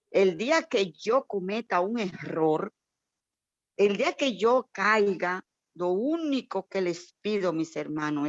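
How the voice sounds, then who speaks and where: A woman sharing an emotional testimony at a church gathering, animated and storytelling, acting out quoted voices. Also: on the low side, no room sound, highs cut off. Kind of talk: heartfelt testimony in a prayer meeting.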